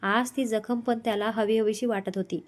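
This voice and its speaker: A woman storyteller narrating a romantic storybook in a steady, expressive way. Her voice sits a little high. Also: normal speed.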